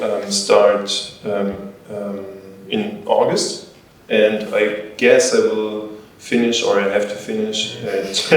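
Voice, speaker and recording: A man speaking English as a guest at a festival talk, halting and full of fillers as he looks for words. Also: lowish voice. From Germany. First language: German. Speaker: band member, guest. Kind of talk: casual panel interview. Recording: echoey hall, distant mic, faint noise.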